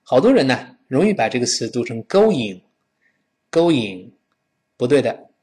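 A man a lilt and teaches English pronunciation, a voice that rises and falls widely. His pitch sits in the middle for a man. He models words slowly and has listeners read along after him. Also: big pitch swings, a little mellow. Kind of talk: explaining English pronunciation to learners.

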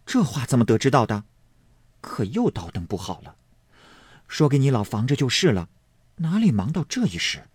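A man voicing a quarrelsome young maid who scolds and sneers in sharp bursts. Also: medium pitch, huge pitch swings, normal speed, pauses often, slightly rough, no echo, voice pushed up. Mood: fussing.

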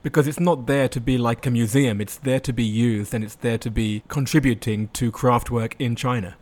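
A man's voice: medium pitch, steady tone, moderate pace, darkish tone. A man hosting a conversational interview, putting questions to a guest. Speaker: interviewer, host.

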